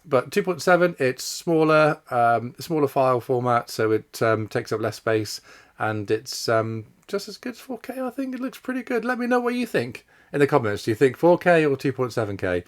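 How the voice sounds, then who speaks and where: A man's voice: medium pitch, very animated, moderate pace. A man giving casual, chatty vlog commentary as he tests and reviews a camera. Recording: wind and vehicle noise behind.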